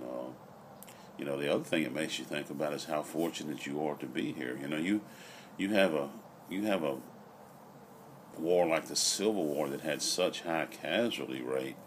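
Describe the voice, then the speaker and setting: Very deep-voiced man, rambling. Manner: unhurried, rambling, pausing often. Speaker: vlogger. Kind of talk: casual, reflective chat. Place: outdoor garden patio. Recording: noisy outdoor ambient recording.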